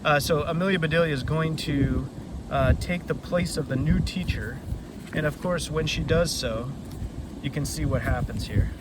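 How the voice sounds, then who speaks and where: Out beside a river, a man hosts a casual children's read-aloud, chatting through a summary of a kids' book while rambling and getting easily sidetracked. His voice is a little high, his pace moderate, and the outdoor recording is noisy.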